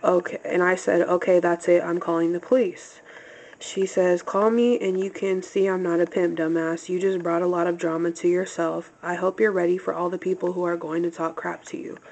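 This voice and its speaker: Flat, gravelly woman reading texts aloud. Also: fairly low pitch, moderate pace, a little hiss or hum, poor audio. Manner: flat, matter-of-fact reading with frequent throat clearing. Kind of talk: casual storytelling, reading text messages aloud.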